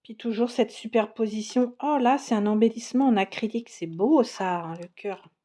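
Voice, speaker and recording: A woman's voice: a little high, normal speed, dark tone. A woman narrating a crafting unboxing in a casual, chatty way, exclaiming over each item. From France. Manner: chatty, enthusiastic, exclaims and laughs often. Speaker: crafting vlogger.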